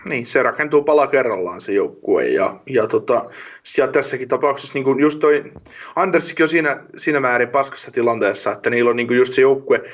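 A man's voice: medium pitch, lo-fi sound. A man talking hockey in a casual podcast chat, rambling with many restarts and fillers.

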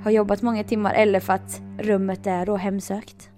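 A woman telling a story in casual chat, animated and laughing often. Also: mid-range voice, faint music behind.

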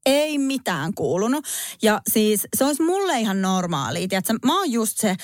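A middle-aged woman hosting a casual podcast chat, telling stories in an animated way and laughing often as she spins out worst-case scenarios. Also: a little high, dry recording, studio quality. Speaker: podcast host.

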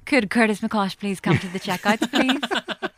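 A woman's voice: mid-range voice, unhurried, no echo. A woman who presents radio, putting on a polite, exaggerated supermarket announcement voice. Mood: sing-song announcing. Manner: bright, exaggerated announcer delivery. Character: woman doing a mock supermarket tannoy announcement, polite and sing-song.

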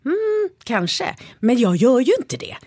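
Chatty swedish woman, kinda husky, tells stories with lots of energy, dry close sound. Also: a little high, dry recording. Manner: lively storyteller, animated retellings. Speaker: guest, leadership developer. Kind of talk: interview conversation.

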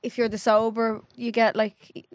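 A woman's voice: fairly high pitch, little pitch movement, unhurried, no echo, studio quality. A young woman with an Irish accent, chatting casually and putting questions in an informal, inquisitive way. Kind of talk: casual chat.

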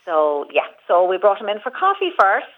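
A woman calling in to a radio show, her voice heard over a thin, tinny phone line. She talks in a chatty, easygoing way at a medium pitch, often pausing and restarting mid-sentence. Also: huge pitch swings. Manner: chatty, with many hesitations and restarts. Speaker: phone-in guest, venue manager. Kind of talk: casual radio phone interview.

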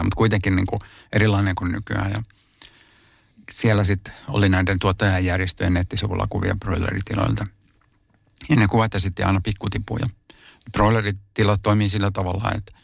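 A man's voice: low-pitched, gravelly, slightly rough, no echo, studio quality. A man who is an animal rights activist, answering interview questions in a thoughtful, hesitant way with many fillers and restarts.

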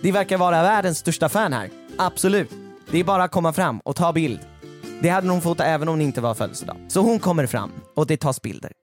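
A man co-hosting a podcast who tells a story with animated energy and acts out the other people's lines. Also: on the high side, faint music behind. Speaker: podcast co-host. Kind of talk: casual storytelling chat.

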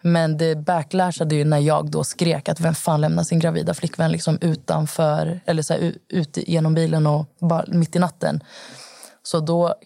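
A woman's voice: sits low, little pitch movement, vocal fry, mellow, no echo, studio quality. A young woman guest telling her own story in casual talk, rambling with many fillers. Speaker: podcast guest. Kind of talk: personal account in casual conversation.

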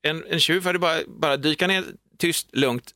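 A man in casual conversation, animated and swearing freely, acting out little voices in his stories. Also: fairly high pitch, no echo, clean studio sound. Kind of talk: casual chat.

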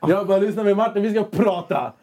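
A young man co-hosting a casual chat, telling a story animatedly and acting out both sides of a conversation. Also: sits high. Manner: animated, quotes himself and others in quick bursts. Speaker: podcast co-host.

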